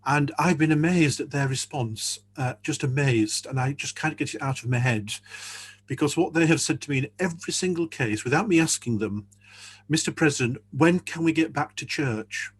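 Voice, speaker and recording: Husky guy on a zoom panel, earnest church leader, keeps repeating words while he thinks. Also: medium pitch, moderate pace. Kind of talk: panel discussion on video call. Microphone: video call.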